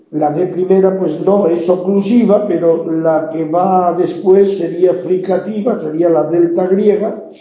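Slow, halting Spanish teacher in echoey room. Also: male voice, a little high. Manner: slow, halting explanation with frequent "¿eh?" checks. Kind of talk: recorded lecture explaining a transcription exercise. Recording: echoey, dull lo-fi room recording.

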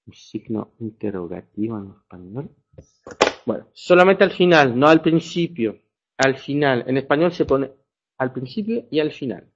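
A man's voice: medium pitch, expressive, moderate pace, breathy edge. Man teaching in a lo-fi recording. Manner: explanatory, checks understanding with "ya". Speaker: French teacher. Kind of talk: classroom lecture. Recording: dull lo-fi sound.

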